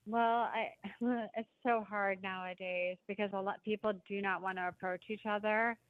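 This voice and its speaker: A woman, a professional matchmaker calling in to an interview, rambles quickly with lots of fillers while holding her phone away from her mouth, so she sounds faint and distant. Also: medium pitch, steady tone. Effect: phone held away from the mouth, faint and distant. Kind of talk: casual talk-show phone interview. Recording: tinny phone line, dry.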